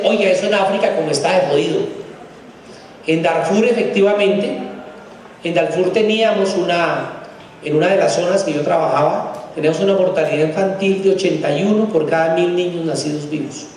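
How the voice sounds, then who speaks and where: Middle-aged Bogotá-accented man, emphatic, sarcastic lecturer, slightly high voice, heard from far off in a big hall. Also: a little mellow, a little hiss or hum. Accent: Bogotá Colombian Spanish. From Colombia. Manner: emphatic and sarcastic, rising in pitch to stress points. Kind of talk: conference lecture. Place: large hall.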